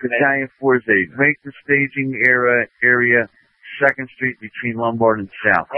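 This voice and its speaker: A man's voice: medium pitch, steady tone, moderate pace, no room sound. A man reporting as a fire officer over two-way radio in a brief, procedural manner. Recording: tinny, narrow two-way radio line.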